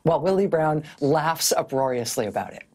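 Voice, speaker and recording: A woman's voice: low voice, lively intonation, moderate pace, dark tone, a little hiss or hum. A middle-aged woman hosting a televised news commentary, speaking in a wry, sardonic way on a studio mic. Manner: wry, sardonic, often laughing mid-sentence.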